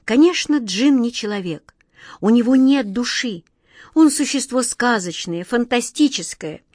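A woman's voice: fairly high pitch, lively intonation, unhurried, a little mellow, no echo, studio quality, voice pushed up. A woman voicing a despairing young male wizard in a storybook, anguished and crying out.

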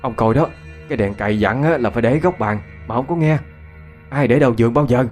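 A man's voice: mid-range voice, brisk, a little mellow, faint music behind, lightly acted. A man doing a nagging mother at bedtime. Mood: annoyed. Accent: Southern Vietnamese. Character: irritated mother scolding at bedtime.

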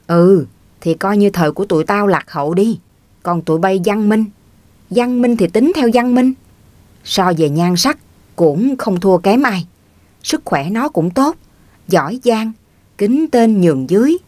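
A woman's voice: mid-range voice, expressive, unhurried, darkish tone, no room sound, natural voice. A woman reading the part of an elderly rural man who is teasing, easygoing and folksy. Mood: chiding.

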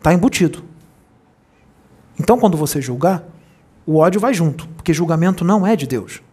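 A man's voice: fairly high pitch, lively intonation, fairly quick, a little mellow, breathy edge. A man speaking as a spiritual medium, giving a channeled sermon in an admonishing tone and asking many rhetorical questions.

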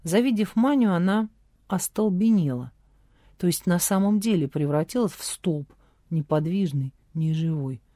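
A woman narrates an audiobook from a script in an even, measured storytelling manner. Her voice is fairly low, and the recording is dry and of studio quality.

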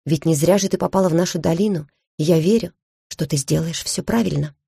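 A woman reading a gentle, sad young man. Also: on the low side, brisk, vocal fry, breathy edge, no echo, studio quality. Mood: tender.

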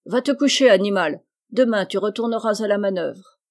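A woman's voice: fairly high pitch, moderate pace, a little mellow, voice pushed up, close to an everyday voice. A woman reading the part of an angry, scolding army captain who barks at his servant. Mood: furious. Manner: barking, scolding. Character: irate portly army captain, male, middle-aged.

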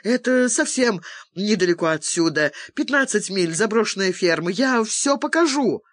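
A male narrator pushes his voice up into a shrieking, sobbing prisoner who begs not to be shot, high and strained. Dry, close audiobook sound. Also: animated, normal speed, fairly bright tone, dry recording. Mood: panicked begging. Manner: shrill, pleading, tearful. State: crying. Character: terrified sobbing captive man begging for his life.

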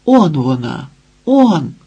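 A husky, dark-toned young man, voiced by a male audiobook reader, frets and blurts out whatever he feels. His voice climbs when he gets carried away and sinks low when he doubts himself. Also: very animated, takes it slowly, muffled recording, full character voice. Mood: excited. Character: young man Ilia, anxious, overwhelmed.

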